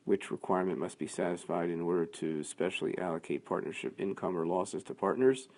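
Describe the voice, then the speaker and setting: A man teaching a class, working through quiz answers out loud in a conversational way. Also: deep voice, brisk. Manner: thinking aloud, conversational, with fillers.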